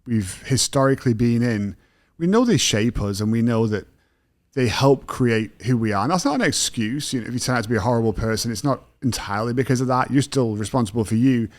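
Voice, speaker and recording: Speaking fairly quickly in a mid-range voice with no echo, a British man hosts a podcast interview. His questions are thoughtful and his manner is conversational and self-deprecating, with frequent agreeing "yeah"s.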